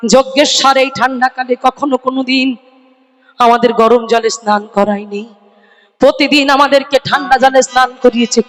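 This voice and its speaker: A woman voicing two small boy gods who plead softly through tears. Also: high voice, fairly even intonation, moderate pace, voice pushed down. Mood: tearful. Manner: soft, whimpering pleading. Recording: echoey hall with music behind.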